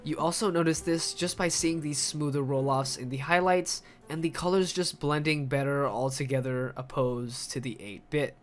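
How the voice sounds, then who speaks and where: A man's voice: a little high, moderate pace, few pauses, soft background music. A man with a cold, sounding muffled, hollow and stuffed up in the nose, narrating a casual, conversational video review. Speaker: host, camera reviewer.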